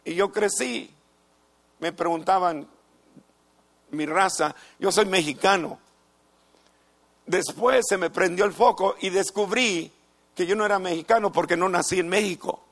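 Preaching a sermon, a middle-aged man from the United States speaks slowly and deliberately in a higher, slightly bright voice. He repeats phrases and leaves pauses hanging in between.

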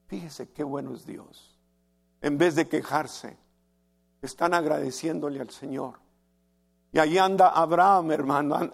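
A man's voice: on the high side, a little mellow. A man preaching an impassioned sermon, often addressing listeners as brother and acting out the voices in the stories he tells. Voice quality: gravelly, husky voice. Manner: impassioned preaching, calls listeners "hermano", acts out quotes. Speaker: pastor.

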